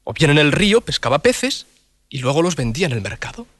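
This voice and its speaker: A man narrating a children's story in a playful, animated way with sound effects and sing-song bits. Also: on the high side, a little fast, no room sound.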